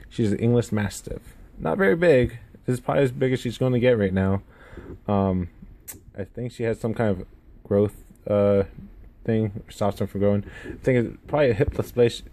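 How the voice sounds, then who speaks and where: Warm in tone and fairly low in pitch, the voice belongs to a gaming YouTuber introducing himself on camera from his home. His lisp draws out and faintly slurs every S, and his casual vlog rambles in a self-effacing way. Room noise is clearly audible.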